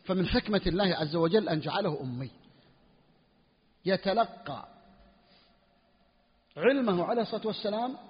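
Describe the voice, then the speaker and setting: A man teaching a jurisprudence lesson, repeating key phrases slowly for emphasis and asking questions that he answers himself. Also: high-pitched, lively intonation, breathy edge. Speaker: sheikh teaching Hanbali jurisprudence. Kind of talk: classical Arabic fiqh lesson. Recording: lo-fi lecture recording in a reverberant hall.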